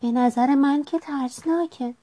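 Storybook: a woman voicing a jittery little boy turtle, squeaky and frightened. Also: dark tone, close to an everyday voice. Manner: frightened, pleading. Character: timid young male turtle.

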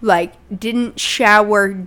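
A young woman co-hosting a casual podcast chat, profane and animated as she tells stories. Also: mid-range voice, extremely slow, smooth. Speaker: podcast co-host.

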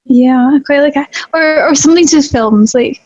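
A woman's voice: sits high, moderate pace, a little mellow, no echo. A young woman, chatting hesitantly on a podcast with giggles and fillers, on a dull lo-fi recording. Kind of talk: casual chat. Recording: dull lo-fi sound.

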